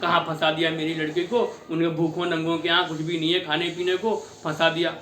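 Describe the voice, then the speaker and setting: A man's voice: on the high side, completely flat delivery, fairly quick, sharp tone, reverberant, slight background noise, pitched below the performer's own voice. A man voicing a fretful, complaining priest in a devotional story. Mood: grumbling. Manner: complaining, cursing.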